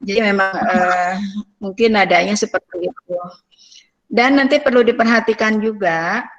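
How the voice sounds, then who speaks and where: A woman lecturer giving spoken feedback to students in a counseling class, talking in a thoughtful way with frequent pauses and fillers. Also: mid-range voice, fairly bright tone, muffled recording.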